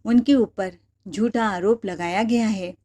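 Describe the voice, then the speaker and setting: A woman's voice: mid-range voice, unhurried, warm tone, close to an everyday voice. A woman voicing a wronged young wife who defends herself in an earnest, firm way. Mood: defiant.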